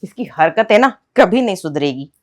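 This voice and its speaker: A woman playing a young wife who confronts her cheating husband with sharp, sarcastic accusations in a comic family skit. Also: mid-range voice, lively intonation, normal speed, natural voice. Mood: accusing.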